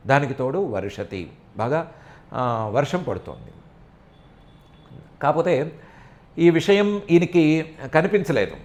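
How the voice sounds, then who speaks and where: Middle-aged man with a Telugu accent, somewhat high-pitched, chants a verse and then unpacks it as a story. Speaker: scripture expounder. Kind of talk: devotional scripture discourse.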